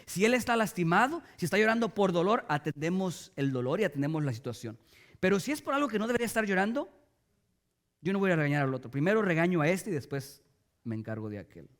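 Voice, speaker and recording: A middle-aged man, preaching a sermon as a pastor and often asking the congregation rhetorical questions. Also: high-pitched.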